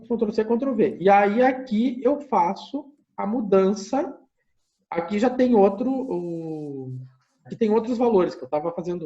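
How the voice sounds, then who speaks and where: This male university lecturer speaks with a Brazilian Portuguese accent and a high-pitched, slightly mellow voice, and the highs in the audio are cut off. He's giving an online lecture with screen sharing, explaining things step by step, musing aloud and frequently checking that his audience is following.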